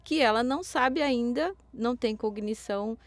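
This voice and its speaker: A woman's voice: on the high side, normal speed, no room sound. A Brazilian woman co-hosting a parenting podcast, explaining in a casual way with frequent tag questions. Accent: Brazilian Portuguese. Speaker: podcast co-host.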